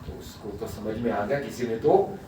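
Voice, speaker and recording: A man's voice: lowish voice, normal speed, a little hiss or hum. A man, a spiritual teacher, tells a religious story as a sermon and acts out its characters. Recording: echoey hall, far from mic.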